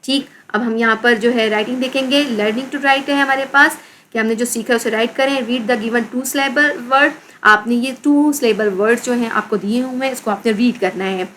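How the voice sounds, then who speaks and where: A woman's voice: a little high, fairly even intonation, moderate pace, fairly bright tone, slight background noise. A woman teacher with a Pakistani accent explaining an English lesson in Urdu, repeating words and spelling them out letter by letter.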